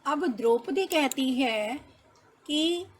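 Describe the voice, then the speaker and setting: A woman's voice: high voice, lively intonation. A woman teacher reading Sanskrit lines one by one and explaining each in Hindi to her students. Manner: reads a Sanskrit line, then explains it slowly in Hindi, addressing students as children. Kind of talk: line-by-line Sanskrit translation lesson.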